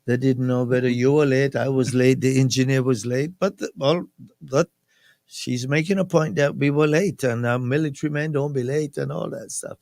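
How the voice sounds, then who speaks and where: A man's voice: medium pitch, steady tone, moderate pace, vocal fry, darkish tone, no echo, studio quality. A man from Saint Kitts with a Kittitian accent, speaking emphatically and plainly as a guest in a radio interview. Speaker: guest, national security advisor. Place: radio studio.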